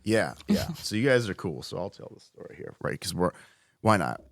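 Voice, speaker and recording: A man with a fairly low voice tells a story as a podcast guest. His delivery is loose and profane, full of false starts and restarts. The sound is close and dry. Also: very animated, moderate pace, no echo. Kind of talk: casual storytelling chat.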